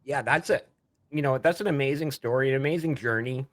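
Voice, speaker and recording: Man, Canadian accent, podcast host, middle pitch, eager rambling questions. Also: a little fast, a bit bright. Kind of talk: podcast interview.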